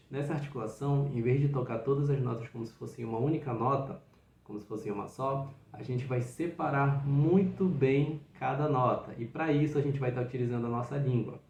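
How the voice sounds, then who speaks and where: A man teaches flute articulation, walking through each step with patient encouragement. His voice sits at a middle pitch. The room around him rings with noticeable echo. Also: darkish tone. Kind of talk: instructional video. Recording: roomy echo.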